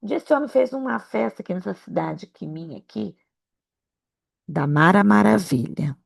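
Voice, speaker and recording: A woman with a Brazilian accent giving a sermon-style Bible lesson, telling stories in a lively way and acting out other people's words. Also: gravelly. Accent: Brazilian Portuguese. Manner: lively storytelling, acting out quoted voices with big pitch jumps. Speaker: preacher teaching a Bible lesson.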